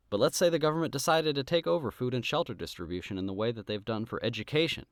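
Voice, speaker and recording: A man reads a scripted argumentative essay as a political commentator. His pitch is mid-range but moves expressively as he stresses rhetorical points emphatically. The recording is close and dry. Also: no room sound.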